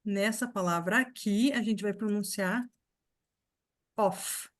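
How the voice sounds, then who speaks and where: A woman teaching a live online pronunciation lesson, explaining patiently and repeating sounds slowly for her students. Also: medium pitch. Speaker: English teacher.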